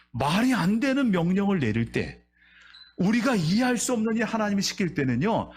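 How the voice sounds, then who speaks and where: A man's voice: fairly high pitch, a little hiss or hum. A male pastor preaching a sermon, telling stories and asking the congregation rhetorical questions.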